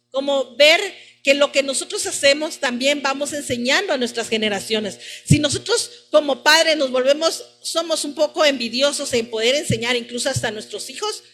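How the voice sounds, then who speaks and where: At a live-streamed church service, a woman delivers a teaching sermon to her congregation, repeating phrases for emphasis. Her voice is high-pitched, bright and forceful.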